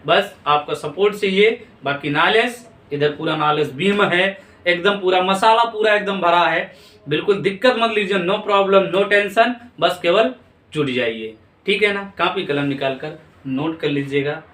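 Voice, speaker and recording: A man's voice: sits high, unhurried, fairly bright tone. A man teaching English grammar in a video lesson, asking his students questions, answering them himself, and checking in often. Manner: checks in often with "theek hai na". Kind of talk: classroom-style video lesson. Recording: echoey room, mic at a distance.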